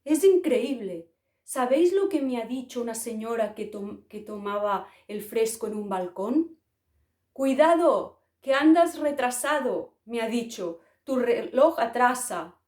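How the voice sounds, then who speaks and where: A fed-up ghost from a children's storybook grumbles and exclaims his grievances, voiced by a woman reading aloud. The delivery is unhurried, with a raised, aggrieved edge. The recording has a roomy echo. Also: fairly high pitch, expressive, darkish tone, voice pushed up. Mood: indignant. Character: gloomy complaining ghost, indignant and fed up.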